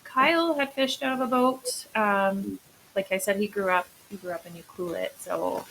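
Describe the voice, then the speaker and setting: A woman guest chats through a casual interview at an ordinary middle pitch. She tells her stories freely and laughs easily between lines. A faint hiss sits under her voice. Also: normal speed, vocal fry, a bit bright, low-quality recording. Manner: chatty storyteller, laughs easily.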